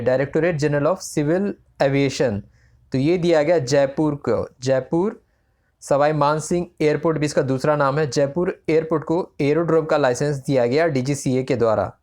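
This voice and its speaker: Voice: mid-range voice, darkish tone. Tutor quizzing through exam facts. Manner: poses quiz questions, then answers them; switches between Hindi and English mid-sentence. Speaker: exam-prep current affairs tutor. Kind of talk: exam-prep lesson.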